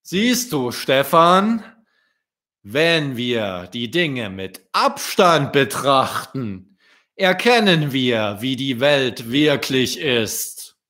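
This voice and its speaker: A man doing a wise, gentle father swan. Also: medium pitch, extremely slow, pitched above the performer's own voice, exaggerated voice. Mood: reassuring. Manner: calm, patient and reassuring.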